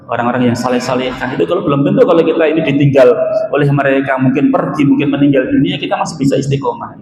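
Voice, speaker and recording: Animated preacher in an echoey hall. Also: male voice. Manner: animated, acts out quoted voices with sudden high pitch jumps. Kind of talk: sermon. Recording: echoey hall, faint background noise.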